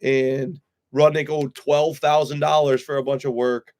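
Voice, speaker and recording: A man's voice: mid-range voice, flat delivery, unhurried, darkish tone. A man hosting a casual live chat with friends, talking bluntly and swearing freely. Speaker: streamer host. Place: room with friends.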